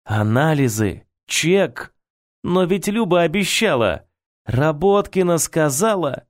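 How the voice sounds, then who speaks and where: A woman's voice: sits low, expressive, slow, voice pushed up. A man voicing a nagging, weary young wife who bosses her husband around, in a storybook reading. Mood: panicked. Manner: scolding, bossy.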